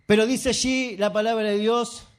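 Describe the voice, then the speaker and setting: A male pastor, preaching a sermon with passion, dropping to soft asides and rising to outbursts. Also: high-pitched, fairly even intonation, normal speed, clean tone. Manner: impassioned preaching, swinging between soft asides and raised outbursts.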